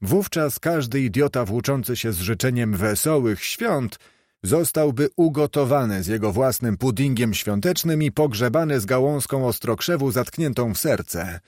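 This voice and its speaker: A man voicing a miserly, grumpy old moneylender who mutters curt, gruff replies in a dry-sounding recording. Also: mid-range voice, lively intonation, unhurried, a little mellow, no room sound. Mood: grumbling scornful.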